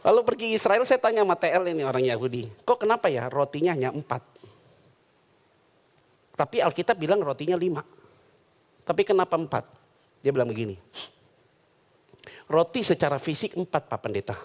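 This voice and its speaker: Lively high-pitched joking male preacher. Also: fairly quick, pauses often. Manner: animated, jokes and voices quoted characters. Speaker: pastor. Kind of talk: humorous sermon with storytelling. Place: church hall.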